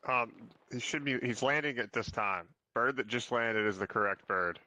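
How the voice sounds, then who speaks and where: A man's voice: medium pitch, moderate pace, bright, forceful tone, no echo, rough recording. A man playing a military game, switching between casual sweary chat and jargon-heavy radio calls. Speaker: player in a military game, coordinating over radio.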